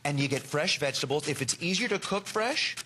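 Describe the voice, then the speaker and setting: A man's voice: a little high, animated, fairly quick, pushed and bright, slight background noise. A man presenting a product demonstration on a home shopping show, upbeat and enthusiastic. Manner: upbeat, enthusiastic salesman patter.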